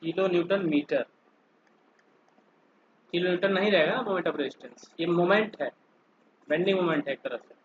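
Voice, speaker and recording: High-pitched guy teaching online class, slow, keeps asking students stuff, dull lo-fi audio. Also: noisy background. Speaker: polytechnic lecturer.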